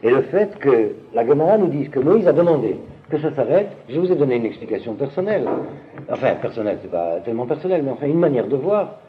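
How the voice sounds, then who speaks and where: A man teaching a class on biblical texts, hesitating and restarting, often asking the listeners whether it is clear. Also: medium pitch, very animated, fast talker, muffled recording.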